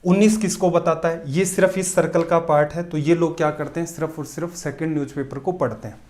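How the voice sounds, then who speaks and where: A man's voice: fairly high pitch, steady tone, brisk, a little mellow. A man teaching a competitive-exam math lesson, asking questions and answering them himself, with emphatic repetition.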